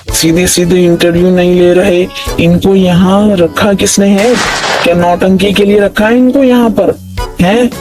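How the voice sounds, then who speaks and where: A man voicing a short-tempered male job applicant in a cartoon, scolding in an indignant rant. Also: sits high. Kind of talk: cartoon dialogue. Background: music.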